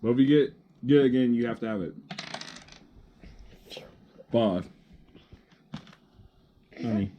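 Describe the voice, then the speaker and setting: A dad hosting a family vlog, joking and egging his kid on in a playful, teasing way. His voice sits at an ordinary middle pitch. The sound is dull and a little lo-fi, with a faint hiss underneath. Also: slow pace, pauses often. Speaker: dad running a family food challenge.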